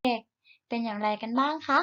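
A woman teacher leads a recorded reading lesson for young pupils. She models each sound slowly and clearly and speaks warmly to encourage them. Her voice sits a little high, and the recording sounds slightly muffled. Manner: slow, deliberate modelling of sounds for repetition; gentle, encouraging tone to children. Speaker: primary school teacher.

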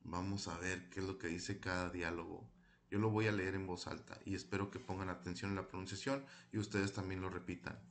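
A man's voice: deep voice, little pitch movement, a little fast. A man teaching English to children, explaining patiently in Spanish and reading model dialogues aloud twice for the class to repeat. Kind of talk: recorded classroom lesson.

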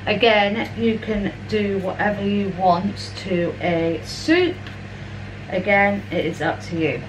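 A woman's voice: medium pitch, expressive, takes it slowly, noisy background. A young woman, chatting informally as she cooks in her home kitchen, filmed by a camera on the counter. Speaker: vlogger. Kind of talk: casual cooking vlog. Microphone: camera on a counter at mid-distance. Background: washing machine running.

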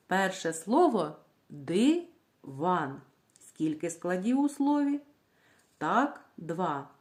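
Slow, lively-voiced woman teaching syllables. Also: fairly low pitch. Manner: slow, clear, drawing out words syllable by syllable; asks questions and answers them herself. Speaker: primary school teacher. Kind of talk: literacy lesson for young children.

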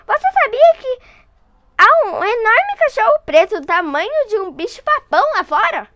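A woman's voice: very animated, moderate pace, no room sound, full character voice. Small boy, terrified, shrieking; a woman puts him on, dry and muffled sound. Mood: panicked. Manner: shrill panicked shouting. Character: little boy terrified and screaming.

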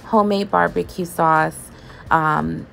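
A woman chatting casually as she cooks in her home kitchen, relaxed and loose, with laughs and fillers. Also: on the low side, slow, gravelly, slight background noise. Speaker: home cooking vlogger. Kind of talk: casual cooking voice-over.

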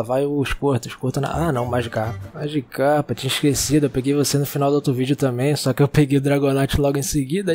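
A young man with a Brazilian Portuguese accent, excitedly narrating a video game and talking to its characters. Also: medium pitch. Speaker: gaming YouTuber. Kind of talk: let's-play commentary.

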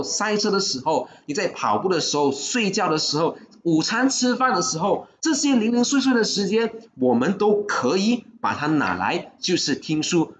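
A livestream host, pitching a book club membership in an upbeat, urging way and taking viewer questions, with English words mixed in. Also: a bit bright. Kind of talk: live-stream sales pitch and Q&A. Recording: echoey room.

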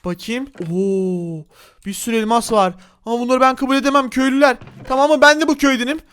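A man hosting a block-game role-play, narrating dramatically to his viewers and often shouting in excitement. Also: very high-pitched, fast talker, clear, resonant tone. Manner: addresses viewers as friends. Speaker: gaming channel host.

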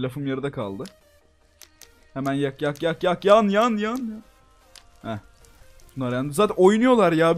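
A young man giving casual, excitable commentary as he plays a game and talks to his viewers. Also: a little high. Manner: excitable, talks to viewers as "gençler", frequent laughs and exclamations. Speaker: gaming YouTuber. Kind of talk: casual Minecraft let's-play commentary.

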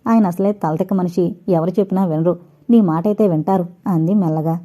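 A woman voicing a gentle, trusting middle-aged mother who coaxes softly, in an audiobook reading. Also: fairly low pitch, fairly even intonation, a little fast, lightly acted. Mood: coaxing.

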